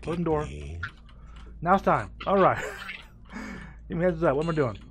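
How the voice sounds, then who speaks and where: Casting: lively, high-pitched guy gaming and bantering, easily startled, quick to laugh, faint hiss behind. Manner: excitable, laughs often, yelps when hit. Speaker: game player, co-host. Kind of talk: casual let's-play banter.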